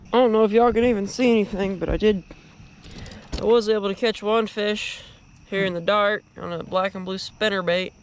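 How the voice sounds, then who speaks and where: A high-pitched young American man narrates his fishing vlog in a casual, folksy way, with lots of repeated short phrases. He's outdoors on a small boat on a lake, and the action camera, worn or held at arm's length, records boat and outdoor noise around him.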